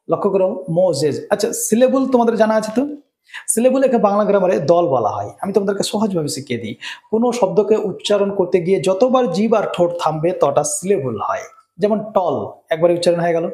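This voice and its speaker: A man's voice: sits high, sing-song, fast, darkish tone, reverberant. A man teaching English grammar rules in a lesson, often checking in with his students. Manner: asks students rhetorical check-in questions.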